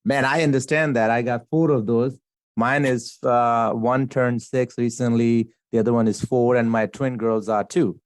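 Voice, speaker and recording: A man's voice: medium pitch, steady tone, moderate pace, no room sound. Friendly male host, dry close sound. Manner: friendly, affirming. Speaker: podcast host. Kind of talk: casual interview talk.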